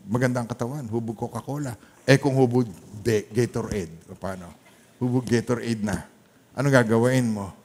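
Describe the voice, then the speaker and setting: A man with a Filipino accent preaching a sermon, dropping to soft asides and rising to loud, emphatic peaks as he mixes English into his talk. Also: medium pitch. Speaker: pastor. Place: church hall. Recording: reverberant church hall.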